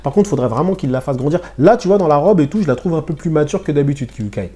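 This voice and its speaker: A man's voice: on the high side, fast talker. A man reviewing a manga chapter in casual slangy talk, addressing his viewers directly. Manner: animated, slangy, talks to viewers.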